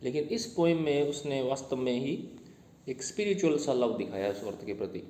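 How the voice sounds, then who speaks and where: A male teacher giving a classroom lecture: he reads English text slowly, explains it in Hindi, and quizzes his students as he goes. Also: mid-range voice, animated, dark tone. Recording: echoey room with long reverb.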